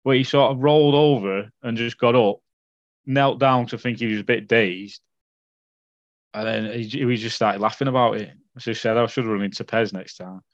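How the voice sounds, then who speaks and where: A man's voice: medium pitch, dry recording. A man recalls old matches on a podcast, rambling and stopping to correct himself. His mic sounds dull and dry, with no room around it. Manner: rambling, halting recollections. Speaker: podcast guest. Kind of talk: casual podcast chat.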